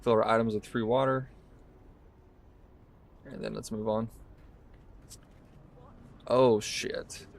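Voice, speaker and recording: Gravelly man narrating his gameplay. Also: fairly low pitch, slow, pauses often, slight background noise. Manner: relaxed, talks through each move while playing. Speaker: streamer. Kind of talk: casual gameplay commentary.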